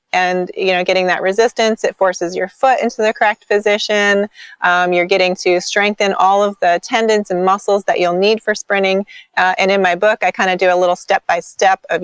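A sprint coach in her forties appears as a podcast guest over a video call, chatting enthusiastically and casually with frequent ums and likes. Her voice is medium-pitched with a clean tone and no room sound.

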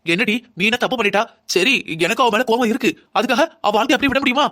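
Woman as an older mother-in-law in a cartoon: rapid, pleading and lamenting, doting on her wayward daughter. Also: fairly high pitch, a bit bright. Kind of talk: cartoon drama voice acting.

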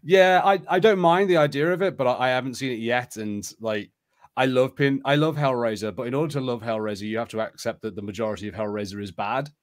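A man hosting a live stream, switching between casual chat and expressive storybook read-aloud narration. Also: medium pitch, fast. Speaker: host of a live gamebook stream.

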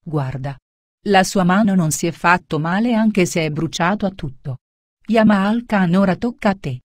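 A wise, firm emperor from a storybook tale, read by a woman. He gives commands in a low, dry voice, spoken close to the mic. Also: animated, moderate pace, no room sound. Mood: commanding.

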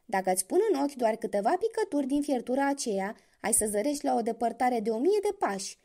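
A woman voicing a clever young male hunter in a spoken fairy tale, calm, sly and commanding. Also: on the high side.

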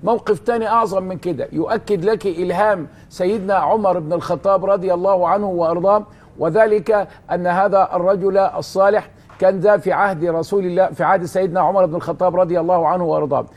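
A man's voice: high-pitched, steady tone, fast talker, darkish tone. A man with an Egyptian Arabic accent, a religious scholar telling stories on a TV studio talk show, asking rhetorical questions and answering them himself with fervour. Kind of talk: televised religious storytelling talk.

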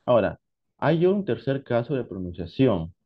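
Male English teacher from Peru, unhurried classroom explainer, dull low-fidelity recording. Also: sing-song. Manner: slow, deliberate explanations mixing Spanish and English. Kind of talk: online class lesson.

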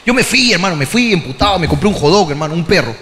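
Peruvian male comedy host, high bright voice, profane and shouty. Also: quick pace, big-room sound, a little hiss or hum. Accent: Peruvian Spanish. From Peru. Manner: animated, profane, bursts into shouting. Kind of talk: comic storytelling.

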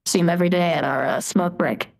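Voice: medium pitch, fairly even intonation, quick pace, gravelly. A crew member speaking through a voice changer as a sullen demon from hell, terse and dismissive. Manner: terse, dismissive, swears casually.

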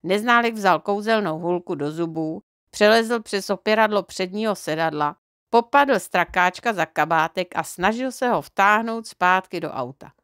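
A woman reads a children's audiobook in a steady, lively storytelling voice of middle pitch. The recording is dry and close, with no room sound. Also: smooth, no echo. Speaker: narrator reading to her children. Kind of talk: audiobook narration.

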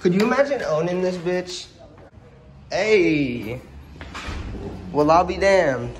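Brief: laid-back male vlogger, drawling slow and a bit high, clear car and street noise all around. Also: expressive. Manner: joking, playful, slangy. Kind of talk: casual road trip vlog. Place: car and rented house. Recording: noisy car and street background.

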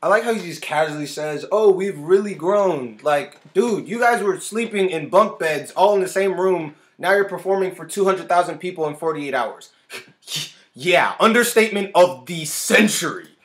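A young man in his twenties hosting a music reaction video, excitable and often cutting himself off to react, recorded in a small room on a webcam. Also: sits high, normal speed. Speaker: music reaction channel host. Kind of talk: casual reaction commentary. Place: small indoor room with a guitar on the wall.

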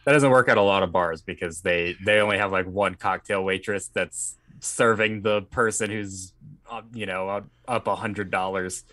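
A man's voice: on the low side, steady tone, normal speed, fairly bright tone, no room sound. A middle-aged man co-hosting a podcast over a video call, dropping short dry asides. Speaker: podcast co-host. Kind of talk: casual chat. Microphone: headset on video call.

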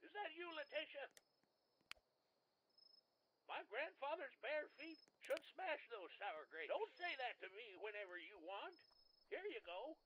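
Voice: high voice, sing-song, measured pace, long pauses, lo-fi sound, a little hiss or hum. A performer voicing a quirky game character who blurts out absurd scripted non sequiturs. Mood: absurd, chirpy.

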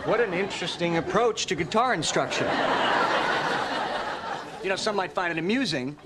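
A man's voice: high-pitched, lively intonation, moderate pace. An actor playing a sarcastic, wisecracking young man in a sitcom, with dry, stressed punchlines. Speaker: sitcom character. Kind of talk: sitcom acting. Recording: noisy TV audio with laugh track.

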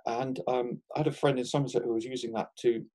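A man in his sixties from England, a guest market gardener talking through his life in a relaxed interview, thoughtful and often chuckling, with frequent restarts. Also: mid-range voice, quick pace.

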